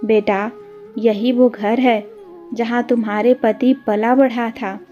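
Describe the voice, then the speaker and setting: A woman voicing a gentle, loving elderly village mother who speaks humbly and tenderly. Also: a little high, steady tone, takes it slowly, highs cut off, soft background music.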